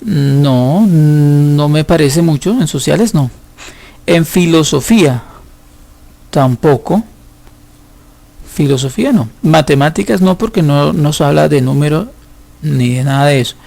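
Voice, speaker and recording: Gravelly male teacher explaining slowly. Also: on the high side, lively intonation, mellow. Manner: explanatory, patient, thinks aloud with fillers. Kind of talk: recorded school lesson.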